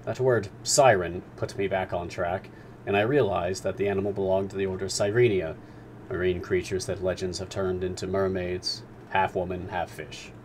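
A man narrating a classic novel aloud in a steady storytelling manner during a live reading. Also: deep voice, normal speed, a little hiss or hum.

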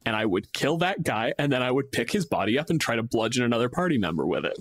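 A very animated, fast-talking man with a mid-range voice co-hosts a podcast and serves as a game master. Casual and blunt, he swears freely while pushing his opinions. The sound is clean studio audio with no echo.

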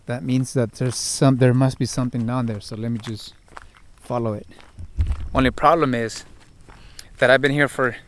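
With a little hiss or hum in the recording, a man in his twenties talks directly to viewers via a handheld camera held at arm's length, thinking aloud as he explores an open, brushy hillside in a casual vlog. His medium-pitched voice has fairly even intonation, a moderate pace and long pauses.

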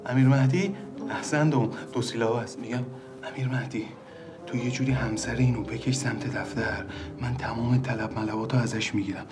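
A conspiratorial schemer, played by an actor, talks in an even mid-range voice. Background music plays under him. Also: male voice, mid-range voice, close to an everyday voice. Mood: scheming. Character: wily middle-aged male fixer, scheming.

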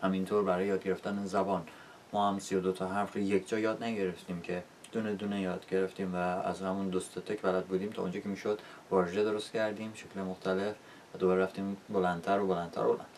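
A man with a lowish voice walks learners through pronunciation in a video lesson. He is patient and encouraging and often checks in with them. The mic sits a little distant, with a faint hiss behind him. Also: flat delivery, darkish tone. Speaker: English pronunciation teacher.

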